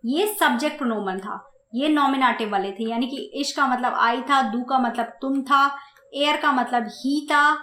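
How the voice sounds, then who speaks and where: High-voiced woman teaching grammar. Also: bright, forceful tone, echoey room. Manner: slow, repeats and asks the class questions. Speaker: German language teacher. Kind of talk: grammar lesson explained in Hindi.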